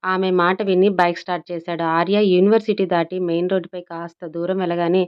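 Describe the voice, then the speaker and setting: A woman narrating a romance audiobook in a calm, measured storytelling manner. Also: lowish voice, smooth, highs cut off.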